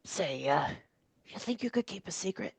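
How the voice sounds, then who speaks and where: A woman voicing a flustered, pleading old man in a tabletop game, speaking haltingly and confidingly. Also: fairly low pitch, no room sound. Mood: furtive. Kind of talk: tabletop role-play.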